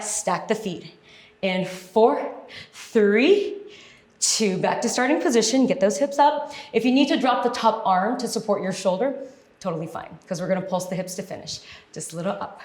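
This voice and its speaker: A woman's voice: medium pitch, lively intonation, moderate pace. A woman working as an aerobics instructor, leading a workout with short, encouraging, directive cues and counted-out moves. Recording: echoey, roomy sound.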